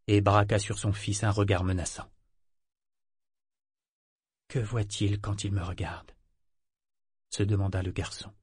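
Husky guy reading a novel, measured and steady, totally dry mic. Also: lowish voice, no room sound. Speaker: audiobook reader. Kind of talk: storybook narration.

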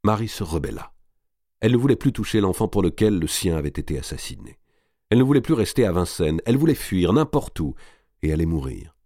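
Male audiobook narrator, very low voice, dry close sound, measured novel reading. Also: sing-song, mellow, no room sound. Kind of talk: scripted narration of a historical novel.

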